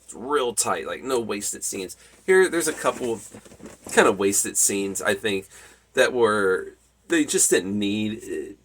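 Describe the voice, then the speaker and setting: Man, fairly low voice, casual movie review, rambling, lots of fillers and restarts. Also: expressive, takes it slowly, a bit bright, a little hiss or hum.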